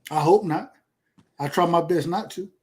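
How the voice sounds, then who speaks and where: A man's voice: on the high side, moderate pace, a little mellow, breathy edge. A man, rambling and boasting in casual podcast chat. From Georgia, USA. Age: 30s. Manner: laid-back, boastful, rambling with repeats. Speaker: podcast host.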